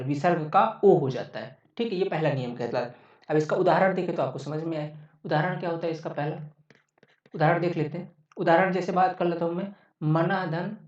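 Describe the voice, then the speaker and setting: A man's voice: on the high side, darkish tone. A male teacher giving an online exam-prep lecture, repeating each point and answering his own questions. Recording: roomy, distant, dull lo-fi sound.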